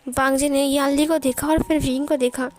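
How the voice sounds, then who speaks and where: A woman's voice: high-pitched, flat delivery, moderate pace, a little mellow, soft background music. A woman narrating a fanfiction story, retelling events and voicing each character's lines in a plain manner. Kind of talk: story reading.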